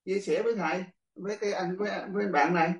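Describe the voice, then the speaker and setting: A man's voice: high-pitched, fairly even intonation, quick pace. An older man, a monk, teaching a class in casual, chatty talk, often laughing and speaking straight to his students. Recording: echoey room, far from the mic.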